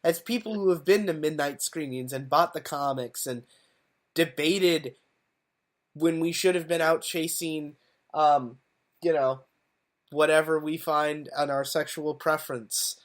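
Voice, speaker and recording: A man's voice: fairly high pitch, fairly even intonation, a little slow. A man co-hosting a podcast in casual chat, hesitant and full of ums and you-knows. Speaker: podcast co-host.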